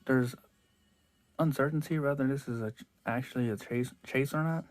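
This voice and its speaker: A man's voice: mid-range voice, moderate pace. A man chatting casually as he unboxes toy cars for his vlog, rambling and restarting his sentences a lot. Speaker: toy car collector vlogger.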